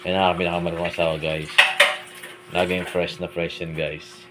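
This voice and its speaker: Low-voiced teasing Filipino vlogger man. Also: little pitch movement, very noisy. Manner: teasing, playful, repeats "guys" and "idol"; sing-song drawn-out calling. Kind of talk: casual home vlog. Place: inside a home.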